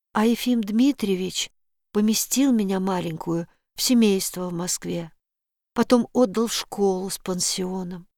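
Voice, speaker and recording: A woman voicing a meek, gentle young orphan girl in a storybook reading, speaking softly and earnestly. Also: medium pitch, no room sound, studio quality, close to an everyday voice.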